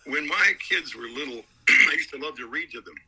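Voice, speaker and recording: A man's voice: fairly high pitch, animated, fairly quick, pushed and bright, slightly rough, rough recording. An older man, a voice actor, chatting in an interview and telling stories, now and then slipping into character voices. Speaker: voice actor guest. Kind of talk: casual interview.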